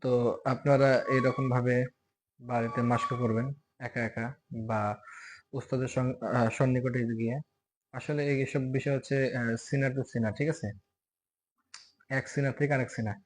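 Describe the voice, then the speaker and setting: Male recitation teacher with a Bangladeshi accent; patient drill lesson, stretched loud demo sounds. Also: mid-range voice, little pitch movement, slight background noise. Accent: Bangladeshi Bengali. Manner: repeats sounds slowly and loudly for demonstration; checks in often with "okay?". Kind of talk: recitation lesson on letter pronunciation.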